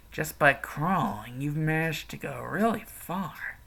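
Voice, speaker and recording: A man voicing a sinister male toy-company founder in a low, hushed, creaky whisper. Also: lively intonation, takes it slowly, full character voice. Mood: menacing hush.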